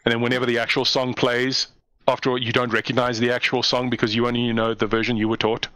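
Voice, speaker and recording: A South African comedian, appearing as a guest, chats casually and tells lively stories, slipping into mock voices and laughing often. His mid-range voice moves fast, and the recording has no room sound.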